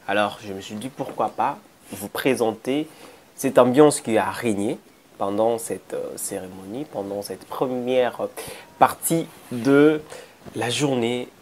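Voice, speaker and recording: A man with a Congolese accent giving spoken commentary as a presenter, halting and repeating phrases for emphasis. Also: on the low side. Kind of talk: spoken commentary introducing a clip. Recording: faint background noise.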